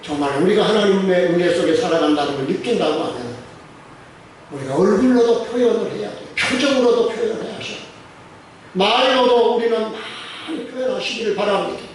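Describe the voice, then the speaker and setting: A man's voice: high voice, lively intonation, a little fast, slight background noise. A middle-aged male pastor preaching a sermon, putting many questions to the congregation and repeating his phrases. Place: church sanctuary. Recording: very echoey church hall from far off.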